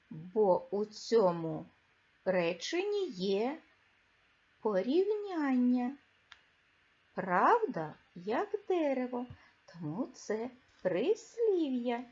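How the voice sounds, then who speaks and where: A woman teacher reads aloud for young children in a high, lively voice that rises and falls a lot. She speaks slowly and deliberately, stressing each word. The recording sounds slightly dull and lo-fi. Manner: slow, clear, emphatic reading with stressed words. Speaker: primary school teacher. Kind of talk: reading lesson for young children.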